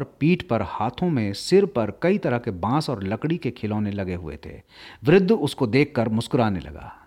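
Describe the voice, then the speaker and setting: A man narrating a story aloud, expressive and with a few restarts. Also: medium pitch.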